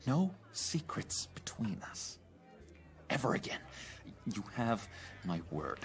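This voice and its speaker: A man's voice: lowish voice, very animated, slow, faint music behind, exaggerated voice. An actor playing a giddy, clingy young man in a video game, with an erratic, sing-song way of talking and frequent giggles. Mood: earnest.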